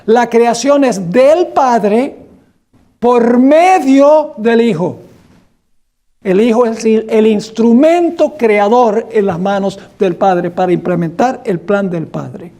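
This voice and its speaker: During a Bible study, a male pastor with a high, dark-toned voice reads scripture with emphasis. His manner is slow and deliberate as he puts questions to the congregation.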